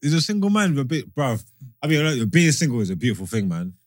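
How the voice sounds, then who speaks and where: A man's voice: mid-range voice, sing-song, quick pace. A man with a London roadman accent, arguing his point insistently in slangy, casual podcast banter. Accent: London, urban street slang. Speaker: podcast co-host.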